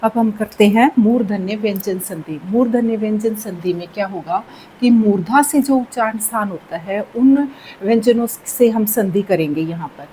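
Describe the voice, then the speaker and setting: A woman's voice: mid-range voice, moderate pace, dark tone, slight background noise, poor audio. A woman teaching Hindi grammar in a patient classroom manner, repeating key words and checking in often. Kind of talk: slow, deliberate classroom explanation.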